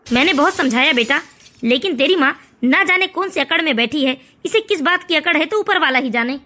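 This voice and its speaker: A woman voicing a stern, blunt, fed-up older father-in-law in an animated family story. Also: high voice, brisk. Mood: exasperated. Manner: blunt, scolding.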